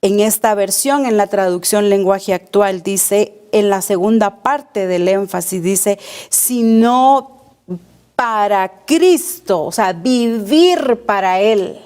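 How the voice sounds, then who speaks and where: A woman's voice: mid-range voice, darkish tone. A woman preaching a sermon at a church service, repeating key phrases and asking the congregation rhetorical questions. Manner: slow, deliberate delivery, repeating key phrases.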